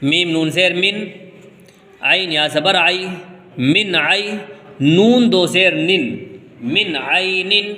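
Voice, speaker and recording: A man from India teaching Quran reading, spelling out letters slowly and then explaining the rules quickly. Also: high-pitched, bright, forceful tone, in a large hall. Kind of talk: step-by-step recitation lesson.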